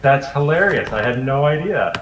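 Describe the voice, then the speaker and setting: An easygoing man in his forties tells stories as an interview guest, his talk loose and full of fillers. His voice sits at a middle pitch and rings around a roomy space. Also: lively intonation, normal speed, fairly bright tone, slight background noise. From Raleigh, North Carolina. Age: 40s. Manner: easygoing storyteller, frequent fillers. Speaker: interview guest, video creator. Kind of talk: casual interview chat.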